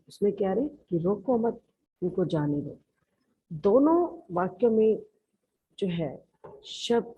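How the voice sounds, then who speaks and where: With a lowish voice and a Haryanvi Hindi accent, a female schoolteacher patiently walks pupils through grammar, fondly addressing them as "beta." The lo-fi, narrow-band recording has a little hiss or hum.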